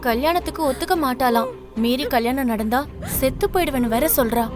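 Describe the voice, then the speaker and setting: An actress playing a young woman who gently coaxes and scolds her tearful cousin. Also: high-pitched, a little fast, natural voice. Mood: consoling. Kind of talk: TV serial acting. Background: background score music.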